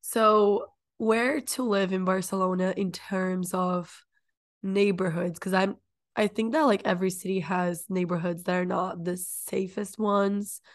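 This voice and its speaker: A woman hosting a podcast, chatting in a relaxed way and asking her guest friendly, open questions. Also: mid-range voice, measured pace. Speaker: podcast host. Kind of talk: casual podcast interview.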